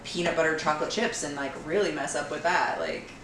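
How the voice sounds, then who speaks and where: A woman's voice: low voice, lively intonation, a little fast, fairly bright tone. A woman co-hosting a home candy-making tutorial, chatting casually with lots of fillers while she works. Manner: chatty, filler-heavy, laughs often. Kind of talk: casual cooking demonstration. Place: home kitchen. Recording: echoey kitchen, far from mic, noisy.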